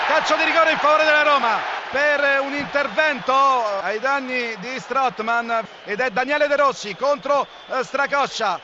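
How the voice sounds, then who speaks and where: A man doing live football play-by-play, urgent and excited, repeating names and shouting goals. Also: extremely high pitch. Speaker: football commentator. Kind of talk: live play-by-play goal commentary. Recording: dull, noisy live radio-style broadcast.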